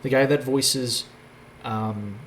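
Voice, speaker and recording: A man chatting casually as the host of his own talk show, often trailing off and restarting his thoughts. His pitch sits in an ordinary middle range. A faint noise hums under his voice. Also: steady tone, slow pace. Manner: rambling, hesitant with many fillers and restarts. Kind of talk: casual chat.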